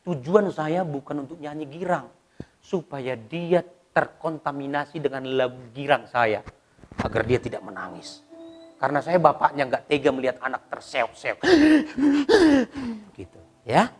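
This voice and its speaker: A middle-aged man, a pastor telling a personal story in a sermon, swinging between hushed and loud delivery. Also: mid-range voice, normal speed.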